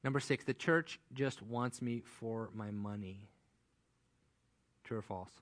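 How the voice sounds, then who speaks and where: A man preaching a sermon as pastor, telling stories in a conversational, animated way. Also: lowish voice, takes it slowly.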